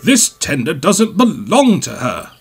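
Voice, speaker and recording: A man's voice: fairly high pitch, huge pitch swings, a little slow, creaky, husky, voice pushed up, heavily acted. A man voicing a pompous, huffy big male express engine. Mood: pleading. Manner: huffy, self-important. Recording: music bed behind.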